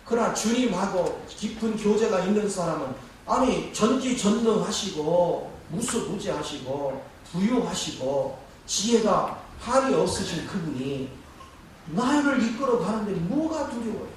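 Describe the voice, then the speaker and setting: Unhurried and animated, a high-pitched male pastor preaches to his congregation in a church sanctuary, asking rhetorical questions as he goes. The mic sits far away in the echoey hall, with slight background noise.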